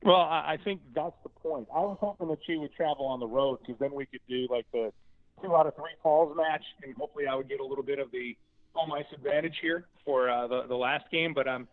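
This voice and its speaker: A man's voice: mid-range voice, fairly quick, no echo. Confident man on a tinny phone line. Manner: confident, joking, lively analysis. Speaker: hockey broadcaster guest. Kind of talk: sports talk call-in.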